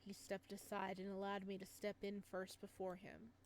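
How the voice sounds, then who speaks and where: With faint music and a little background noise underneath, a woman narrates a visual novel in a mid-range voice. The reading stays calm until something surprises her, and then she jumps into lively, startled reactions.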